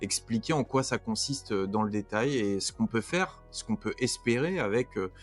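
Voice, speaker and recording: A man's voice: lowish voice, lively intonation, moderate pace, breathy edge, soft background music. A man hosting a casual podcast interview, asking questions with lots of hesitations and fillers. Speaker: podcast host.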